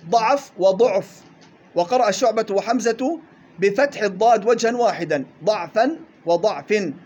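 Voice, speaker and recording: Brisk high-voiced teacher. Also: male voice. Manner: lists reading variants briskly, drawing out recited words slowly. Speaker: Quran recitation teacher. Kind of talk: classroom tajweed lesson.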